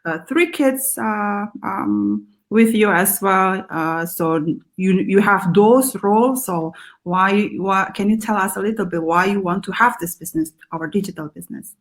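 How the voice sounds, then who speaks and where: A woman from Indonesia hosting a live-stream interview, asking upbeat, halting questions full of fillers. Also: mid-range voice, lively intonation.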